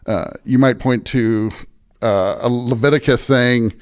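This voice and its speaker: Here an American man plays a pastor in a conversational podcast interview about his beliefs. The voice is medium-pitched, steady and smooth, a little slow, while his delivery stays earnest and emphatic with frequent "right?" and "you know" check-ins.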